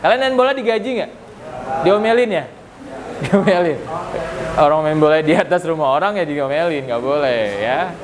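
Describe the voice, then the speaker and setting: A man's voice: on the high side, lively intonation, moderate pace, long pauses, a crowd in the background. A man teaching English vocabulary to a class, joking and quizzing the students. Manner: joking, asks the class questions. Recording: noisy classroom recording.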